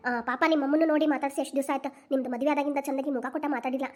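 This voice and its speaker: Heartfelt village women of a family voiced by one woman plead and comfort in a North Karnataka accent. The voice sits high and moves quickly. It suits a homemade cartoon family drama. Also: steady tone, lightly acted. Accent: North Karnataka Kannada. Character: village women of a family, emotional aunt and niece. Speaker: main voice actor of a cartoon channel.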